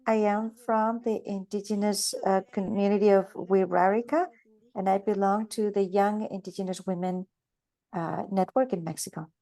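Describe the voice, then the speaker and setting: A woman's voice: medium pitch, fairly even intonation, normal speed, warm tone. A woman interpreting participants' introductions into English, speaking in the first person for each. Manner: relays others' words in first person.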